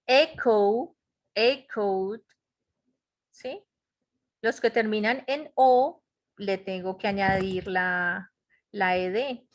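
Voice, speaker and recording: A woman's voice: mid-range voice, drawn-out words, pauses often. A woman teaching English grammar in an online class, explaining step by step and checking in with her students. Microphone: computer mic in a web conference.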